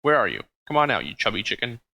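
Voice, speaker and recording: A man's voice: medium pitch, very animated, fast, vocal fry, pushed and bright, no echo, full character voice. A man reading aloud the lines of an old woman sage who guides the party through a video game, in an instructive tone.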